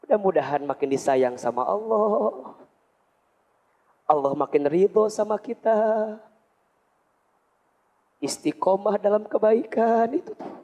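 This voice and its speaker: A male preacher with a Sundanese accent gives an emotive sermon, with regional words running through his speech. His pitch swings widely from line to line. He often acts out heartfelt prayers as he talks. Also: animated, a little slow, pauses often, a little mellow. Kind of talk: sermon to a women's study group.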